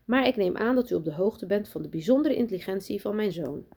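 A boastful professor father in a children's storybook, voiced by a woman narrator. He speaks with easy, self-assured pride. A light gravel runs under the voice. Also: mid-range voice, animated, quick pace, dark tone.

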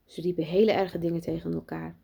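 A woman reading a children's story aloud in a clear, even storytelling manner. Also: on the low side, fast. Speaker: audiobook narrator.

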